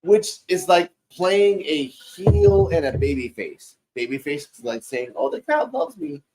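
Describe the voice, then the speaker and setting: A man's voice: fairly high pitch, wildly swooping pitch, unhurried, very noisy. A man in his forties casually recapping a wrestling show, loose and profane, rambling through the matches. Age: 40s. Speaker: podcast co-host. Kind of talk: casual wrestling review chat.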